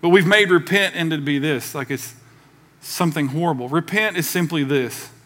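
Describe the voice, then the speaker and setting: A man preaching with a somewhat high voice, pressing each point hard and asking the congregation to answer back. He mixes firm sermon lines with loose, offhand asides. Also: moderate pace, fairly bright tone. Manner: emphatic, calls for congregation response; conversational with casual asides. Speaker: pastor.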